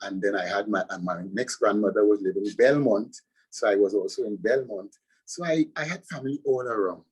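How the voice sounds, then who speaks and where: A man's voice: lowish voice, a little fast, breathy edge, poor audio. A man from Trinidad and Tobago with a Trinidadian accent, a pastor and author answering interview questions with earnest, preacherly emphasis.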